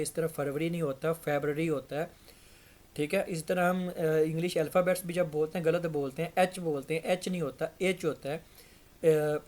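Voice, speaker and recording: A man's voice: a little high, darkish tone. A man teaching English grammar in a classroom-style lesson, explaining patiently and repeating words to drill pronunciation.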